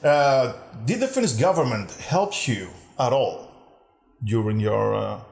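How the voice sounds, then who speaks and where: A man's voice: mid-range voice, animated, a little slow, vocal fry, darkish tone, reverberant. A man hosting an interview, asking questions in an informal, exclamatory way. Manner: informal, exclaiming, laughs along. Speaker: interview host.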